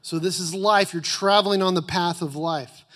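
A man's voice: high-pitched, fairly even intonation, normal speed, pushed and bright. A man preaching a motivational sermon in an emphatic, exhortative manner, repeating phrases and prompting his listeners to respond. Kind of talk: motivational sermon, teaching and declarations.

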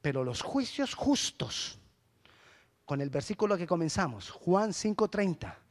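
Male pastor, sermon, high voice, animated, loud emphatic peaks, middle-aged. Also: measured pace. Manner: acts out quoted church members.

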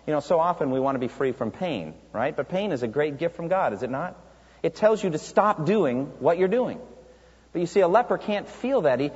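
A man's voice: fairly high pitch, a little mellow, husky. A man preaching a sermon in an earnest storytelling way, asking rhetorical questions of his congregation. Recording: dull, reverberant church hall sound.

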